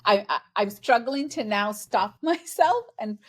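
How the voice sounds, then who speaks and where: Speaking unhurriedly in a fairly high, lively voice, this Bangladeshi woman appears as a guest in a conversational interview. She is a finance and transformation executive who reflects earnestly and plays out quoted exchanges.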